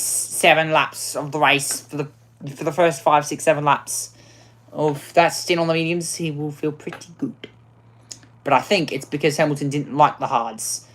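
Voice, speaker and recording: A woman with a low voice commentates a racing game live, sounding excitable and worn out, often repeating and restarting phrases.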